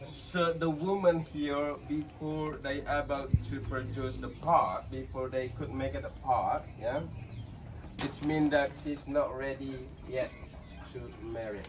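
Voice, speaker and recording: Here the Indonesian-accented guide uses a mid-range voice with a steady tone and a slightly slow pace. He's outside in a pottery village, casually teaching tourists about pottery making, joking around and apologizing now and then. Rooster calls and village ambience fill the distant outdoor camera sound.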